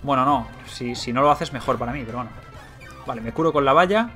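A young man with a Spain Spanish accent commentating a video game as he plays, thinking aloud, getting excited and swearing. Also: medium pitch, fast talker, soft background music. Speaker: let's play gamer.

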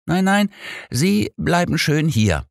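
A man voicing a sharp, know-it-all older detective who lectures his friend with smug superiority. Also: fairly high pitch, very animated, takes it slowly, vocal fry, dry recording, clean studio sound, voice pushed up, full character voice. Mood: coaxing.

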